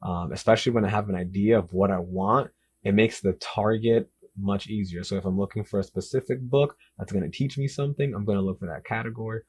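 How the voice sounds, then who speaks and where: A young author with roots in the Dominican Republic and the US Northeast and South answers interview questions casually and enthusiastically. He repeats himself often and uses "literally" and "like" a lot. His voice is fairly low, even, quick, and a little mellow, with slight background noise.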